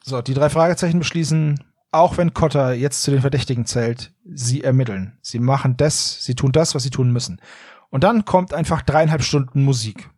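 Ein Mann, der in einem lockeren Podcast-Gespräch lebhaft über ein Hörspiel plaudert und dabei oft lacht. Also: male voice, medium pitch, dry recording, clean studio sound. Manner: animated, laughs often, quick asides. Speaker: podcast co-host. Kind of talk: casual podcast chat reviewing an audio drama.

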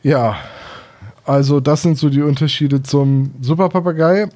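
A podcast co-host with a slightly high, mellow voice speaks at a measured pace. He chats and explains things in a casual discussion about books and audio dramas.

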